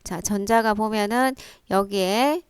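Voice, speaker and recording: Lady teacher walking thru a lesson step by step, asks questions as she goes, crisp voice, dry close recording. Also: mid-range voice, measured pace, no echo. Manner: step-by-step, frequent "자" prompts, rhetorical questions. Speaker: science teacher. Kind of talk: classroom lecture.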